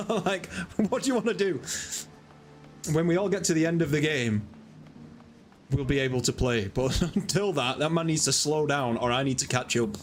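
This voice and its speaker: A man live-streaming a game, chatting casually in a rambling, self-deprecating way. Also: medium pitch.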